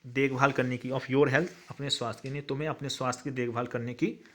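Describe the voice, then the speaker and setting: A man with an Indian English accent explains a school lesson in a mid-pitched voice. He dictates English sentences slowly, word by word, and translates each phrase. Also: steady tone. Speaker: teacher.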